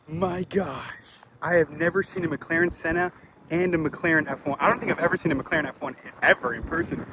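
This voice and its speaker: Excitable young man vlogging at a racetrack. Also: on the high side, background noise. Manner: excitable, awestruck exclamations. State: out of breath. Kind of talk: excited walk-around vlog. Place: outdoors at a racetrack.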